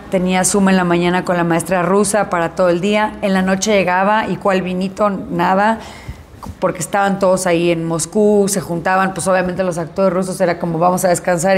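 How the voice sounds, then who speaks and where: Actress in an interview, woman, animated storyteller who voices the people she quotes, faint room noise. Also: medium pitch, brisk. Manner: animated, acts out dialogue in her story.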